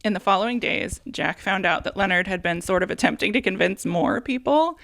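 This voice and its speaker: A woman's voice: medium pitch, brisk, creaky, a bit bright, no echo, clean studio sound. A woman hosting a podcast, telling a true-crime case in casual chat and laughing often as she reads out old quotes.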